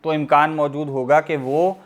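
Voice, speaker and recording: A man gives a recorded pronunciation lesson in a fairly high voice. He explains step by step with patience and pauses often to check that listeners follow. When he demonstrates, he stretches each letter sound out slowly. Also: steady tone, highs cut off. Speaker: teacher.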